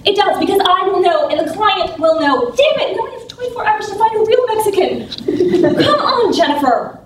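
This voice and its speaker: An impatient casting agent , as a woman puts him on in a solo stage show, hurried and exasperated. The voice sits high and sounds distant, with an echoey room around it. The recording is noisy. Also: very animated.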